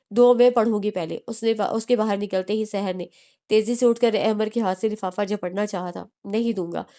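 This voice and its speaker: A woman's voice: medium pitch, darkish tone. A woman narrating a romance novel as an audiobook, reading steadily with small restarts.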